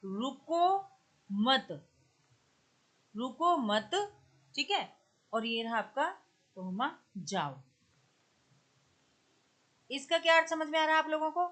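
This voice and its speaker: A woman teacher explaining grammar step by step, reciting verse lines slowly and drawing them out. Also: high-pitched, fairly bright tone. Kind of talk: exam-prep grammar lesson.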